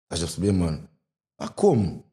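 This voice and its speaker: A man's voice: low-pitched, very animated, a little fast, warm tone. A young man speaks heartfelt and argumentative in an earnest conversation, using casual slang. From Portugal. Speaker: guest.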